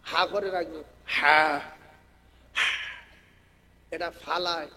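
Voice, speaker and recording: A man preaching a sermon to a gathering over a public address microphone. He moves from quiet, chatty explanation to loud, drawn-out chanting and rallying call-and-response with the crowd. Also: fairly high pitch, steady tone, poor audio. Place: outdoor religious gathering with loudspeakers.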